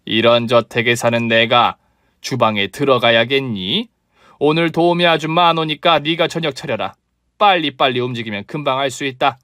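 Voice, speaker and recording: A man's voice: medium pitch, normal speed, pushed and bright, no echo, clean studio sound, natural voice. A man voicing a haughty, scolding older mother-in-law in a dramatized story, giving orders. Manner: commanding, scolding.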